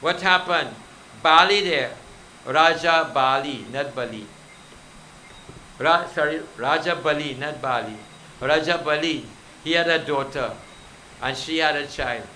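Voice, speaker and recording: A man's voice: fairly high pitch, measured pace, long pauses, pushed and bright, slight background noise, rough recording. A male pundit preaching a devotional sermon, telling scripture stories and exhorting the devotees. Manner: exhorting, storytelling, addresses devotees.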